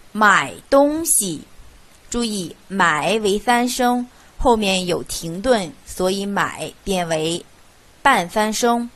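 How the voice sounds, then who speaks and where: A woman teacher reading pronunciation drills at a very slow pace. Each word is said clearly and deliberately, with pauses between words. Her pitch rises and falls a lot. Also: fairly bright tone. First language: Chinese.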